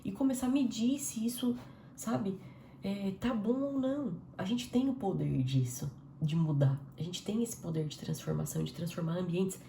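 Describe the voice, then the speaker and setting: A woman giving a casual devotional talk on a live stream, talking fast and speaking straight to her listeners. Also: mid-range voice, vocal fry, reverberant, slight background noise. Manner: fast, warm-hearted, conversational, addresses audience as "gente".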